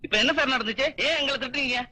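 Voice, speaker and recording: A cheeky student joker. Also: male voice, very high-pitched, rapid-fire, sharp tone, full character voice. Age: young adult. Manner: cheeky, joking. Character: cheeky young male student, class joker. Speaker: college student. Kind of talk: 1990s comic film acting.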